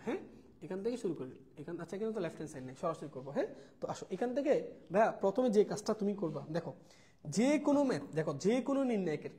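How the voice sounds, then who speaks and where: A man's voice: high-pitched, darkish tone. A young man teaching a live online math class. He repeats key points, mixes in English words and calls his students brother. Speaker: math tutor.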